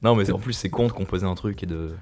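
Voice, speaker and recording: Male co-host, lowish voice, chatty and joking. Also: rapid-fire, darkish tone. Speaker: podcast co-host. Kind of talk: casual music chat.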